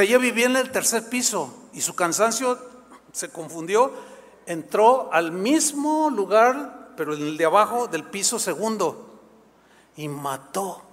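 A man preaching a sermon as pastor, telling a story with animated, emphatic delivery. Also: on the high side. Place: church. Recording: long reverb in a church hall.

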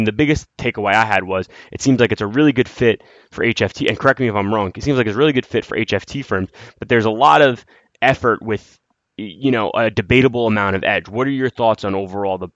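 A man's voice: lowish voice, fairly bright tone, no room sound. A man hosting a podcast in a conversational style, introducing topics and putting questions to his co-host. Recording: dry, dull lo-fi audio.

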